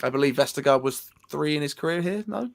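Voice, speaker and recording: A young man co-hosting a casual football fan show, talking in halting bursts with many restarts. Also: a little high, lively intonation, creaky. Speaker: co-host of a football fan channel. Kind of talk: casual chat.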